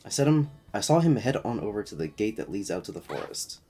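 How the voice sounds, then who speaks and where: A man's voice: lowish voice, sing-song, fast, dark tone, soft background music. A young man giving casual, sweary game commentary in a sardonic, griping manner. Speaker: gaming streamer.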